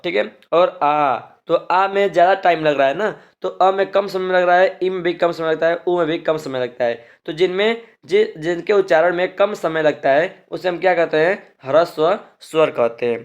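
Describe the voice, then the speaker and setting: A man gives a grammar lecture in a voice pitched a little above the usual for men. He explains patiently and goes over each point twice. He keeps checking in with his viewers and stretches out the sounds he is demonstrating. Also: highs cut off. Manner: repeats points, constant check-ins with "ठीक है ना" and "दोस्तों"; stretches vowels slowly when demonstrating them. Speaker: teacher.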